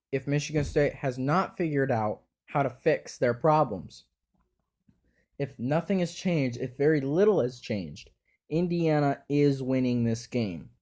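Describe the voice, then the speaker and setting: A man with a mellow, darker tone at an ordinary middle pitch, talking through his football picks in a casual, unscripted way. He thinks aloud as he goes, hesitating, repeating words and restarting his sentences. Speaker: sports predictions host.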